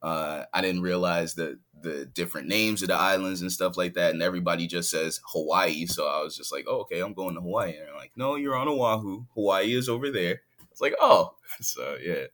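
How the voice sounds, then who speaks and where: Here the rapper's low voice turns expressive and fairly quick, with a slightly bright edge. Originally from San Diego, California, he now lives in Hawaii and chats easily on a podcast from home by remote call, laughing often.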